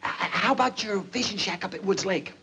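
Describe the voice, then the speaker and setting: An actor playing a bumbling, sheepish husband who stammers, in a 1940s film. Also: male voice, high voice, a little fast, sharp tone. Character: bumbling eager young husband, nervous inventor. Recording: old film soundtrack with hiss.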